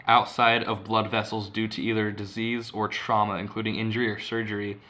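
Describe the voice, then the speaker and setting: A man's voice: lowish voice, flat delivery, a little fast, bright, forceful tone. A young man co-hosting a podcast, telling a long story in a rambling, casual way, with lots of swearing and filler words. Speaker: podcast co-host.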